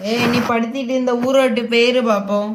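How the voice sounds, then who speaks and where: A woman voicing a bold young village woman in a cartoon, defiant and sharp-tongued. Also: on the high side, steady tone, a little fast, very noisy, natural voice. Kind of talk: cartoon voice acting.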